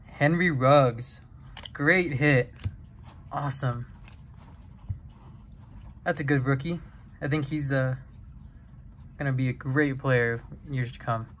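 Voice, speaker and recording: A young man talks his way through opening a box of trading cards, reading names one after another at an unhurried pace. He gets chatty and excited over the big pulls. A faint hum of room noise sits behind him. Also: mid-range voice. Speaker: card-breaking YouTuber. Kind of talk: casual card-opening vlog.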